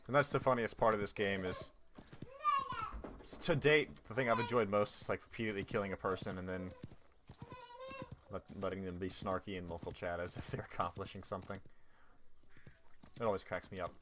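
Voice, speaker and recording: A man's voice: deep voice, steady tone, brisk, pauses often, noisy background. A man streaming a game, chatting casually and joking, laughing often as he plays. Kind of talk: casual gameplay commentary.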